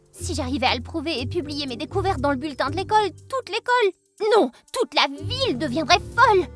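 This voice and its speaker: A woman tells an animated diary story in a very high, bright voice. She sounds quirky and excitable. Soft music plays beneath her. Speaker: narrator. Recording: music behind the voice.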